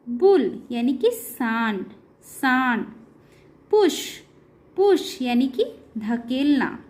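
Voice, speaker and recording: A woman teaching a beginner English pronunciation lesson, addressing viewers as her dear children and drawing out each example word slowly. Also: a little high. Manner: slow, drawn-out word-by-word explanation.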